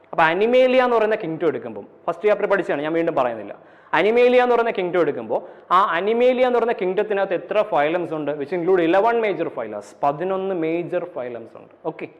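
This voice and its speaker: A male teacher with a Malayali accent lecturing a class, repeating points, asking and answering his own questions, spelling terms letter by letter and slowing down for definitions. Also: on the high side. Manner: slows down for dictated definitions. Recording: dull audio with long reverb.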